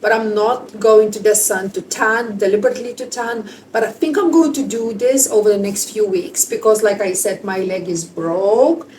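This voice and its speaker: A woman's voice: mid-range voice, normal speed, few pauses, darkish tone, distant mic, slight background noise, low-quality recording. A woman in her forties from Lithuania, with a Lithuanian accent, chatting casually in a vlog in slightly broken English. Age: 40s. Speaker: vlogger.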